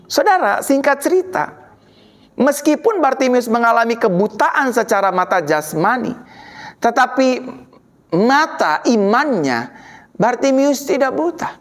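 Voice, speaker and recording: A woman pastor preaching a sermon dramatically, swinging between loud and quiet passages. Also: a little high, lively intonation, a little slow.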